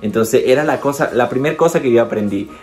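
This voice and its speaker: A fast-talking Bolivian host with a mid-range, slightly mellow voice shares language tips over soft background music. In his Bolivian Spanish accent he chats casually to the camera, encouraging viewers head-on and frequently using "entonces."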